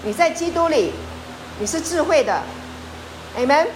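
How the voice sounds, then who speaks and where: A woman's voice: high voice, unhurried, noisy background. A woman pastor preaching a sermon, often asking her listeners questions. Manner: lively, asks the congregation questions.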